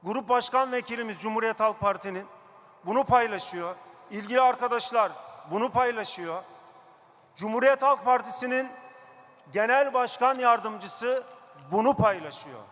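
A man's voice: very high voice, moderate pace, fairly bright tone. A district mayor speaking at a pulpit microphone in a council chamber, emphatic and repeating his key phrases. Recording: long hall reverb.

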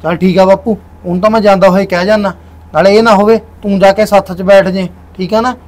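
A man's voice: high voice, steady tone, fairly quick, darkish tone, natural voice. A young man playing a controlling husband with a secret in a short film, insistent and brusque. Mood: scheming. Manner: insistent, brusque, repeats himself. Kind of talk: Punjabi short film acting.

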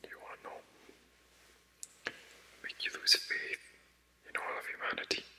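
A man whispering as sly Littlefinger, crisp and bright. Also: unhurried, rough recording. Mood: sly confiding. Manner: sly, teasing, confiding. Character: scheming male courtly schemer, middle-aged ghost. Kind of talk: whispered role-play.

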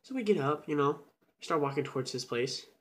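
A man's voice: fairly high pitch, fairly quick. Young man telling a story animatedly. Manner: animated, with sudden whispers and shouts. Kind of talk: casual storytelling.

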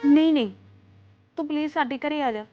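A woman's voice: sits high, a little fast, highs cut off, soft background music, natural voice. A young woman playing a frightened, tearful girl who pleads anxiously with her friend. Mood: pleading. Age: young adult. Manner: pleading, crying. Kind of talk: film acting.

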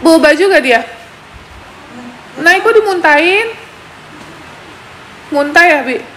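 A woman talks slowly in a high voice on a phone live stream. She teases the people around her and coaxes a small child gently. Road and vehicle noise runs clearly under the recording. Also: animated, poor audio. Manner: teasing, then coaxing and soothing a crying child. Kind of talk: casual live-stream chat.

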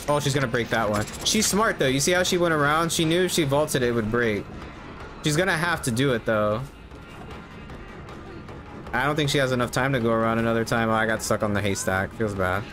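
A man's voice: medium pitch, a little fast, music in the background. A man in his thirties giving casual live gameplay commentary, easygoing and musing to himself as he plays. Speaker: game streamer. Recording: clear background game noise. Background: game ambience.

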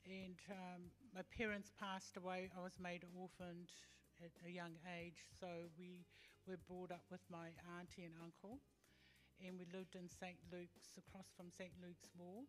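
A woman in her fifties from Tonga, talking as a guest in an on-stage interview, halting and full of fillers, holding a handheld mic. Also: fairly low pitch, flat delivery, soft background music. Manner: hesitant, halting with many fillers. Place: large hall with stage and audience. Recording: long hall reverb.

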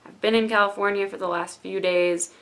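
In a room lined with bookshelves, a young woman hosts a YouTube trailer reaction, gushing excitedly into a desk webcam. She's hoarse from losing her voice, speaking briskly at a medium pitch.

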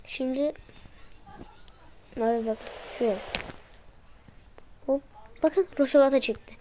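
Woman, high and unhurried, gameplay tutorial commentary, excitable, grumbles at the players. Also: a little hiss or hum. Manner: excitable, mutters and shouts at the game. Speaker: gameplay video maker.

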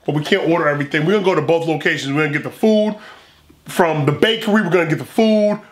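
A middle-aged man with a high-leaning voice speaks fast while hosting a food vlog. He reads reviews with playful emphasis and lots of repetition, recorded in a small, furnished, echoey indoor room.

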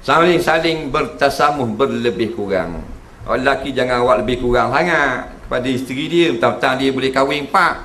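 A man's voice: medium pitch, fairly quick, a bit bright, slight background noise. A man giving a humorous religious lecture to an audience. He keeps checking in with his listeners and acts out the voices he quotes. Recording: echoey hall recording.

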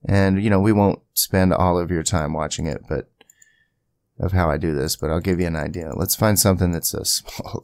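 Working through each on-screen step of a casual software tutorial, the host, a man with a low, gravelly voice, talks informally, rambles a touch and thinks aloud. The recording has no echo.

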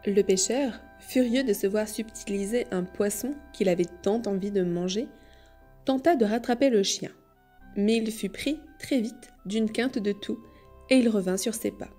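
Woman, audiobook narrator, mellow dark tone, measured storytelling, soft music behind. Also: mid-range voice. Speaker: audiobook reader. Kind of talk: scripted narration.

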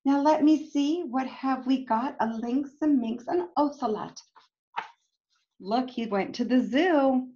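Slow and warm, a middle-aged woman's high-pitched voice carries an expressive picture-book reading for young children, with questions and asides aimed at them. She reads as a storytime reader in a home room filled with bookshelves. The sound quality is lo-fi.

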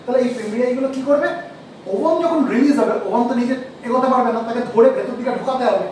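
Male teacher, very high voice, quizzing the class, echoey room with faint noise. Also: a little mellow. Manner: asks the class questions and repeats key terms slowly. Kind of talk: classroom lecture. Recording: echoey room, mic far off.

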